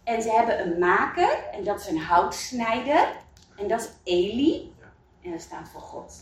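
A woman reading a children's story aloud, in an expressive storybook manner. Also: on the high side, measured pace. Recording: roomy, distant mic.

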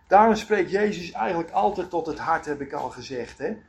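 A man preaching a sermon, telling Bible stories with lively acted quotes. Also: on the high side, a little fast. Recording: echoey room, voice from far off.

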